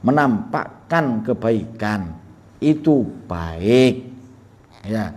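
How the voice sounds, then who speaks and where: A man's voice: on the low side, animated, very slow, darkish tone. A man giving a humorous religious lesson, chatty and laughing often as he acts out little dialogues. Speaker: religious teacher. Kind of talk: sermon.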